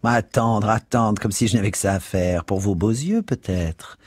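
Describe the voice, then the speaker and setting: A man voicing a brassy, nosy middle-aged cleaning woman in an audiobook, with a loud, scolding manner. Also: lowish voice, normal speed, no echo, clean studio sound, lightly acted. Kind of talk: audiobook character voice.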